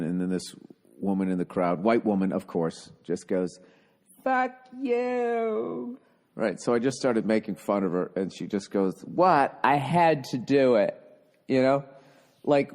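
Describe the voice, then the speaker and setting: A man talks in a loose, rambling monologue that is full of swearing. He often trails off and circles back. His voice sits at a middle pitch, and a long reverb hangs behind it. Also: darkish tone. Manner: rambling, profane, trailing off and restarting.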